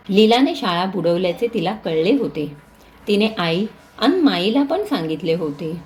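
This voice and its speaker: A woman reads a children's school lesson aloud for students. Her reading is clear and steady, paced for young learners. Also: medium pitch. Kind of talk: reading a textbook story aloud.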